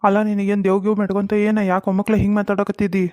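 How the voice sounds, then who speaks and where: Man playing a placating cartoon village husband with a North Karnataka accent, high and quick, dry close sound. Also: monotone, a little mellow, no room sound, close to an everyday voice. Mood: coaxing. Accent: North Karnataka Kannada. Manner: soothing, placating. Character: coaxing, patient young village husband. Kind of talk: cartoon comedy voice acting.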